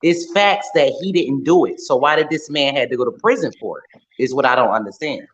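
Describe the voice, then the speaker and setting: A man's voice: medium pitch, animated, fairly quick, dull audio. A man in a casual podcast chat, outspoken and blunt, who swears freely. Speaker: podcast guest or co-host.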